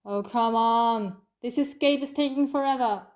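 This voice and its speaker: A woman's voice: a little high, moderate pace, a little mellow, natural voice. A woman playing the Doctor, a playful, clever alien traveller, in a fan audio drama, talking in a wry, coaxing, conversational way.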